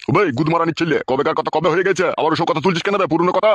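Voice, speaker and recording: A man's voice: fairly high pitch, rapid-fire, no echo, lo-fi sound, lightly acted. A man doing a foul-mouthed cartoon father. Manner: crude, bossy, scolding. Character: gruff older father, foul-mouthed and bossy. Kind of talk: comic cartoon dubbing.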